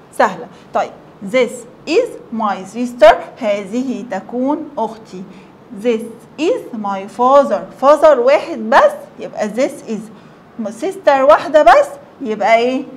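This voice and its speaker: High-voiced Egyptian teacher coaxing young pupils. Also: female voice, slight background noise. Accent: Egyptian Arabic. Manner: coaxing, asks and answers her own questions; slow, drawn-out English words. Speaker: primary school English teacher. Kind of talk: children's English lesson explained in Arabic.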